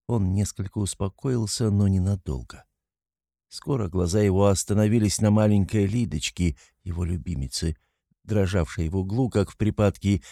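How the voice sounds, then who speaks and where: A man narrating a classic novel in a steady, measured reading voice. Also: on the low side, no room sound, studio quality. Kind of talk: audiobook reading of classic fiction.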